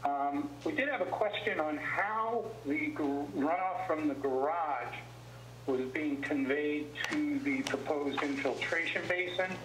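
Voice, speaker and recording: A man calling in to a town board meeting to give a formal public comment, heard over a speakerphone in the meeting room, measured and polite as he lays out his requests point by point. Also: fairly high pitch. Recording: echoey speakerphone with background noise.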